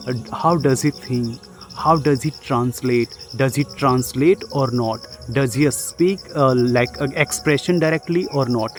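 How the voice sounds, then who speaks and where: A young Indian-accented English teacher, whose first language is Jharkhandi, gives a casual spoken English lesson. He earnestly repeats his points and often checks in with "okay?" between filler sounds, in a voice that's a little high.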